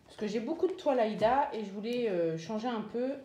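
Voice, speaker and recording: A woman chatting casually as she shows off her craft purchases, pausing often with fillers. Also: on the high side, expressive, mellow, roomy sound. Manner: chatty, hesitant with many fillers. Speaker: craft vlogger. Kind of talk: casual show-and-tell.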